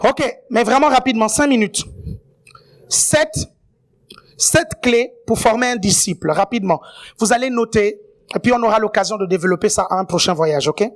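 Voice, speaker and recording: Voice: mid-range voice, moderate pace. A guest preacher giving a sermon, often checking in with the congregation and adding playful asides.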